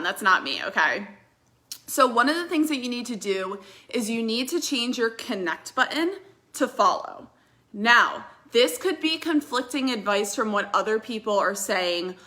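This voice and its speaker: Bright-voiced chatty young woman coach. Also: mid-range voice. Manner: chatty and direct, laughs at own slips. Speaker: social media marketing coach. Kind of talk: casual educational vlog.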